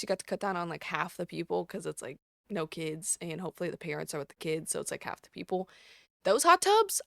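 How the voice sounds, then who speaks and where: This woman hosts her own show and tells stories in a casual, blunt, profane, animated way. Her voice is medium-pitched and creaky, captured as clean studio sound with no echo.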